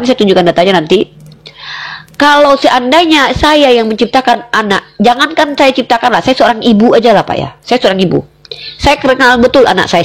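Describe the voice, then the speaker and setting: Emphatic high-voiced woman debating. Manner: emphatic, challenging, rhetorical questions; repeatedly addresses the other man directly. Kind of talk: heated religious debate.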